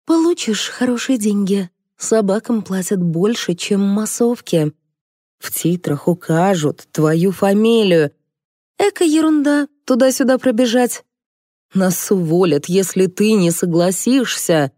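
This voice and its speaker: A woman's voice: medium pitch, expressive, a little slow, mellow, no echo, studio quality, voice pushed up. Woman voicing pushy pleading aunts. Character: two pushy middle-aged women coaxing a friend.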